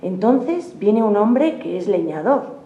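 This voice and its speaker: Woman reading a kids fairy tale, slow, lively pitch, echoey room. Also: muffled recording. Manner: slow, clear, simple sentences. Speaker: narrator. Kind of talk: slow storybook narration.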